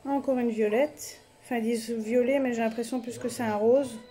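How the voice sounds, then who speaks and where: High-voiced chatty woman vlogger. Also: fairly even intonation, a little fast, warm tone, faint music behind. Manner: chatty, filler-heavy, self-correcting. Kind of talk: casual chat while swatching paints.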